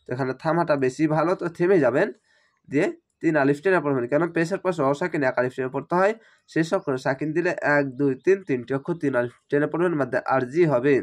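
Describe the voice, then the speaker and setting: Patiently repeating and explaining at a slow pace, a man gives a recitation lesson in which he spells out words by letters and vowel marks. His voice is fairly high and a touch strained, hinting that he is slightly ill.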